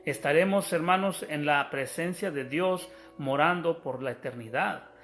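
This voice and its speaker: A man's voice: on the high side, measured pace, fairly bright tone, faint music behind. A man preaching a sermon, explaining scripture step by step, calling his listeners brothers and often restarting his sentences.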